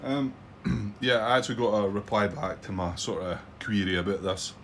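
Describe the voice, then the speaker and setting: There's slight background noise as a middle-aged man with a Scottish accent talks at a moderate pace in a lowish, fairly even voice. As host of a board wargame channel, he offers casual, hesitant commentary on a solo game from his home desk, with frequent ums and restarts.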